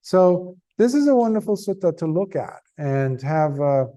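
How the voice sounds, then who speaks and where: A man, a Buddhist monk, giving an earnest, conversational Dhamma talk to a group, tired, with emphatic stresses and pauses. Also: high-pitched, lively intonation, mellow.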